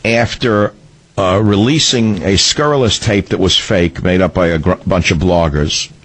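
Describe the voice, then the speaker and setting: A man's voice: low-pitched, measured pace, breathy edge. A man hosting a political talk radio show, ranting in combative, sneering bursts from a radio studio.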